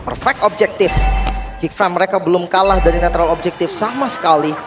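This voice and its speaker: A man's voice: high voice, a little fast. A man giving live esports commentary as the analyst, often posing rhetorical questions about the match. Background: game music.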